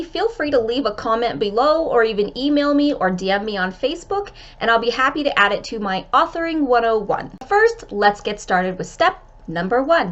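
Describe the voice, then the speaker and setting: A woman's voice: fairly high pitch, fairly bright tone, dull audio. A woman author giving writing advice in a vlog-style tutorial, talking friendly and straight to camera while stuffed up with a scratchy throat from illness.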